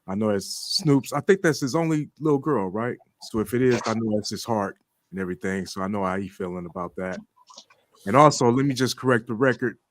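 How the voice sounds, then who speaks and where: A male panelist on a relaxed talk show sets the record straight in an upbeat, matter-of-fact way. His voice is low, and the sound is dry and close to the mic. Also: brisk, dry recording. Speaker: panel co-host.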